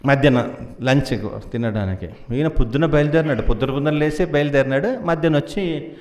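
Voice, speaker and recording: A man's voice: medium pitch, fairly quick, a little mellow, reverberant. A man preaching a devotional story in a playful way, laughing often and acting out the characters.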